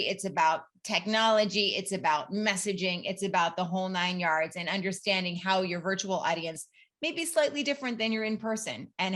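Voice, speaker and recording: A woman's voice: fairly low pitch, fairly bright tone. Laughing, chatty woman podcast host. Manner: chatty, laughs often, restarts sentences. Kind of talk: casual chat.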